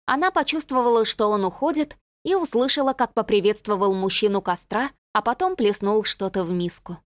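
Woman, audiobook narrator, measured reading, middle pitch, dry close sound. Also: expressive, no echo. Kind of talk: scripted narration.

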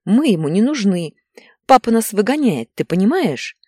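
A woman's voice: big pitch swings, brisk, darkish tone, breathy edge, no echo, clean studio sound, heavily acted. Woman playing a hysterical screaming young mother. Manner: shrill, screaming, tearful.

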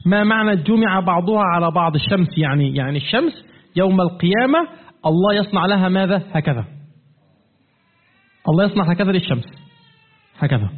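A man's voice: high-pitched, animated, brisk, pauses often. A man teaching a classroom lesson, quizzing his students with constant questions and demonstrating with repeated emphatic words. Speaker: teacher of Quran commentary. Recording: tinny phone-like classroom recording.

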